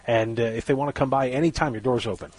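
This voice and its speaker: A man's voice: mid-range voice, fairly even intonation, fast, a little mellow. A man hosting a radio interview, chatty and bantering with his guest. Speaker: radio show host.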